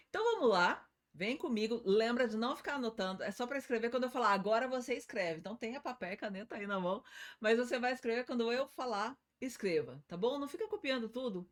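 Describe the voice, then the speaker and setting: A woman with a Brazilian Portuguese accent teaching an English lesson, saying short English phrases slowly for learners to repeat and urging them on in quick Portuguese. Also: a little high. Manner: slow, spelled-out English model phrases between quick Portuguese prompts; lively, encouraging teacher cues. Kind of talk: online lesson with repeat-after-me drills.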